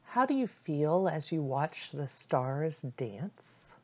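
Speaking low and very slowly, a female meditation guide offers soothing, unhurried instructions separated by long pauses, her calm voice captured on a slightly muffled recording.

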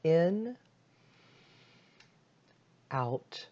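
Slow, soothing woman meditation guide. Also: low voice, dull audio. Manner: calm, soothing, unhurried instructions with long pauses.

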